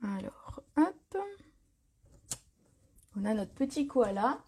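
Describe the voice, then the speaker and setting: A woman hosting a live craft tutorial, chatting casually, answering viewer comments and filling pauses with little words as she works. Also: a little high, animated, warm tone, husky. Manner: chatty, reads viewer comments aloud, frequent fillers. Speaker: crafting demonstrator. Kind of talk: live stream tutorial chat.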